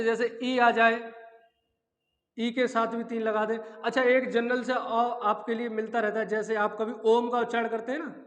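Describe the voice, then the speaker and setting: This male teacher's voice is very high and a bit bright as he works through an exam-prep grammar lecture. He asks his own questions, answers them, and uses drawn-out vowels and chanted syllables to illustrate points. The audio is dull and lo-fi, with a room that echoes for a long time.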